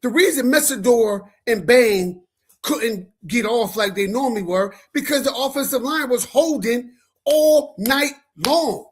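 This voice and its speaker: A man's voice: extremely high pitch, measured pace, slightly rough. A man hosting a casual sports commentary livestream, talking in slang and repeating words when he gets worked up. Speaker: sports show host.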